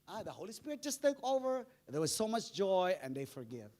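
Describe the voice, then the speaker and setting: A man's voice: high voice, big pitch swings, brisk, darkish tone. A man preaching a live church sermon, telling stories in a playful way and laughing often. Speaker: pastor.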